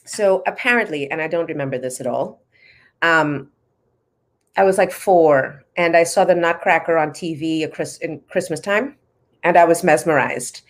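A middle-aged woman from Trinidad, a dance professor, telling her story in a casual interview with playful, animated energy. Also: deep voice, normal speed.

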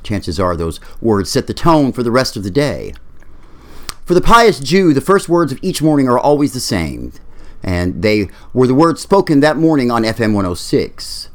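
A male pastor delivering a sermon, telling a story with lively quoted voices. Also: medium pitch, normal speed.

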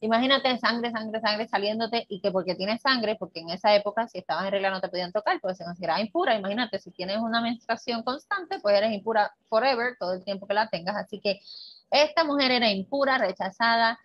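A woman's voice: mid-range voice, quick pace, dry recording. Woman hosting a chatty talk, keeps asking ¿verdad?, bit muffled, no room sound. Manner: lively, conversational, often asks ¿verdad?, acts out dialogue. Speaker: host. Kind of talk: animated talk on Bible topics. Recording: dull, muffled dry sound.

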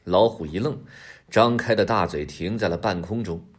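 A man narrating a children's story, expressive and speaking directly to the kids. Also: low voice, moderate pace.

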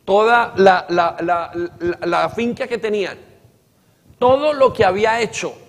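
A man with a high voice preaches a sermon in a church hall, and the sound rings with long reverb. He acts out the quoted dialogue with emphasis and has the congregation repeat lines after him. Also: measured pace. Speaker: pastor.

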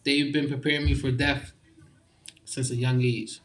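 A young man talking casually and openly, full of informal slang and halting restarts. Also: medium pitch, level tone, fairly bright tone. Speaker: guest. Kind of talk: casual heartfelt conversation.

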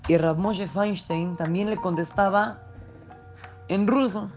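A man telling a story to children and speaking directly to them in an unhurried way. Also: sits high, steady tone, soft background music.

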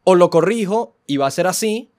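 A man's voice: high voice, lively intonation, fairly quick, darkish tone. A man in casual group conversation, talking in blunt, slangy, joking Latin American street phrasing.

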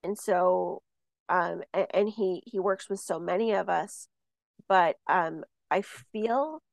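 She's a medium and podcast co-host speaking slowly in a lowish voice with vocal fry, captured in a dry recording. Her casual delivery rambles with many fillers and restarts as she passes on spirit messages and a personal story, livening up when storytelling.

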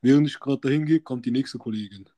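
A man's voice: mid-range voice, fast. Young man telling a work story in slang. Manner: street slang, animated retelling with acted quotes. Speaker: storyteller recounting a work incident. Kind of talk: casual call chat.

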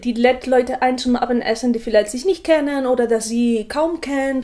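Higher, mellow woman telling a story. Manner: earnest storytelling with reported dialogue. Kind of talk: personal account.

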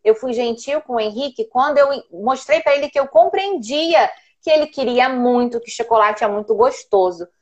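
Woman, high voice, muffled lo-fi sound, animated storytelling. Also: normal speed, hardly any pauses. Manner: animated storyteller, acts out quotes. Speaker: parenting educator. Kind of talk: casual video-call conversation.

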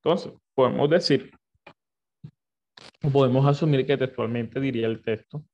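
A man teaching a Bible lesson, explaining slowly and often repeating and correcting himself. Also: mid-range voice, highs cut off.

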